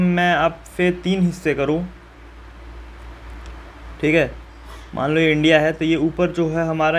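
Friendly male teacher, slightly high voice. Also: slight background noise. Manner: friendly, step-by-step, reassuring, asks viewers questions. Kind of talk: map-filling lesson for school students.

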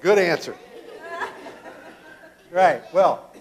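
Slow-talking older pastor with children. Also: male voice, high-pitched, expressive, some chatter behind. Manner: gentle questioning of children, slow and halting. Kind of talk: children's sermon. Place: church sanctuary, children seated around him.

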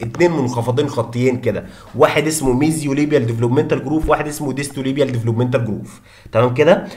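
Rapid-fire Egyptian man tutoring dental anatomy. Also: medium pitch. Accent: Egyptian Arabic. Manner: repeats points, quizzes listeners with rhetorical questions. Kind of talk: fast teaching lecture.

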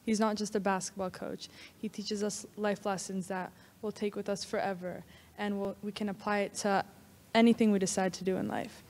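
A teenage girl, a high school basketball player, giving brief, soft-spoken answers on a handheld mic in a large sanctuary. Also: little pitch movement, normal speed. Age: teens. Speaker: student athlete. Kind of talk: interview answer. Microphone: handheld microphone. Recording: long hall reverb.

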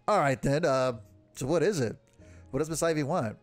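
Close to his everyday voice, on the high side, a man reads a game's dialogue for a lovesick young village guard who's flustered, blurting things and then covering up. The pace is moderate, with soft background music.

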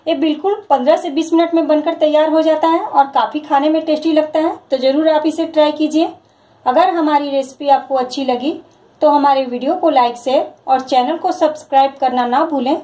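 A woman hosting her own cooking channel, calmly walking through a recipe step by step in her home kitchen. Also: sits high, brisk, rough recording. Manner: calm, instructive, repeats each step. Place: home kitchen, over frying sounds.

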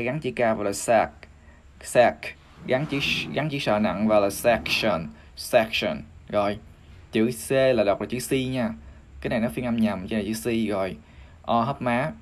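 A man with a Vietnamese accent teaches English pronunciation on a livestream, spelling out sounds one at a time and slowly repeating each word. His voice is medium in pitch, picked up by a phone or desk mic.

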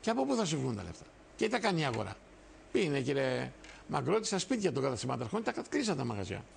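Older male TV host, 60s, gravelly, fiery, repetitive political speech to camera. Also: medium pitch, big pitch swings, slight background noise. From Greece. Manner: emphatic, repetitive, addresses viewers directly. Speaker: TV show host and party leader. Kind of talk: impassioned political monologue.

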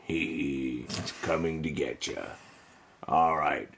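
Man doing a toddler bully voice, mock-menacing, teasing, deep, gravelly, slow. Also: fairly even intonation, a bit bright, full character voice. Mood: mock tough. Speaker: dad voicing his baby.

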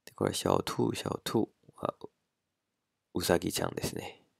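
A man teaching a language lesson in a relaxed spoken style, working slowly and carefully through pronunciation drills. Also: sits low, vocal fry, slightly rough, no echo, in a whisper, studio quality.

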